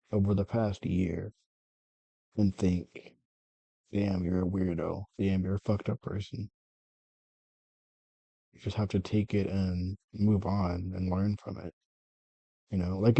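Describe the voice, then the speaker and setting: A man with a low, very dark and husky voice rambles through a personal monologue, circling back and correcting himself as he goes. The sound is dry and close, with no room around it. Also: no room sound, lo-fi sound. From United States. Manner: meandering, self-correcting, frequent swearing. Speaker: vlogger.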